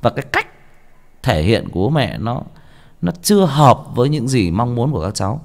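Young guy, gravelly and low, swings up and down a lot, stumbles over words. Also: very animated, normal speed. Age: young adult. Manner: casual, stammers and repeats words. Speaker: audiobook reader. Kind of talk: rambling spoken monologue.

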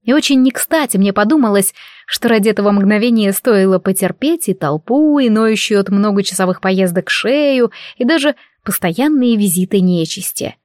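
A woman's voice: mid-range voice, animated, normal speed, hardly any pauses, darkish tone, no echo. Woman reading a novel aloud, dry sound. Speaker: audiobook narrator. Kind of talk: first-person novel narration.

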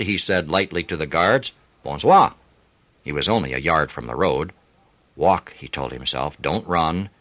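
Deep man narrating a spy novel, measured and suspenseful, dead dry studio sound. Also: a bit bright, no echo. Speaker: audiobook narrator. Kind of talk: scripted narration.

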